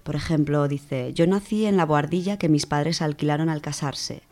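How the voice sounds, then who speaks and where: A woman with an accent from Spain presents an informal spoken book review, chatty, colloquial and enthusiastic. Her voice sits low, a little mellow, at a moderate pace.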